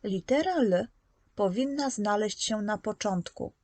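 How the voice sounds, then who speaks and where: A woman teaches preschoolers in an unhurried, patient voice, sounding out each letter with care. Her mid-range voice is recorded close and dry, with no room around it. She speaks as if guiding small children step by step. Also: medium pitch, expressive, a little mellow, no echo. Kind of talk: slow, scripted lesson narration.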